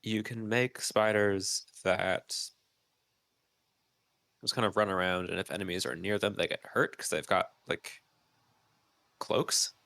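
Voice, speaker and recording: A man with a gravelly, slightly low voice that has a bright edge, talking on a podcast. He rambles through explanations with ums and pauses, his nose stuffy, in a dry close recording. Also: steady tone, no echo. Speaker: podcast co-host. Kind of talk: casual chat.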